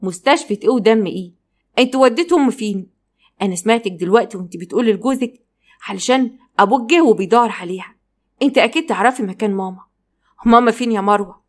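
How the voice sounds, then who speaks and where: A woman with an Egyptian Arabic accent voicing an angry young woman who loudly accuses her sister-in-law. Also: medium pitch, racing, lightly acted.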